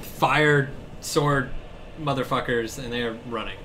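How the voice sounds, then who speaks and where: A man's voice: mid-range voice, fairly even intonation, unhurried, sharp tone, a little hiss or hum. A man narrating a tabletop game as game master, loose and profane, laughing often as he describes the action.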